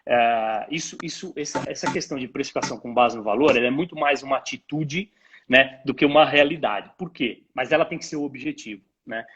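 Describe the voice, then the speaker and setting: A husky Brazilian man, a guest retail pricing expert, speaks briskly to a live stream host in a medium-pitched, slightly bright voice. He explains conversationally and didactically, using rhetorical questions and imagined dialogues to illustrate his points.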